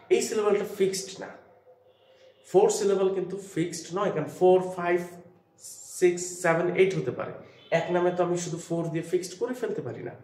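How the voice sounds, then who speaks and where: A male teacher with a Bengali accent walks learners through a lesson step by step, dropping English phrases into his Bengali. The room gives his voice a clear echo. A faint hum sits behind him. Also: a little high, a little mellow. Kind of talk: classroom lesson.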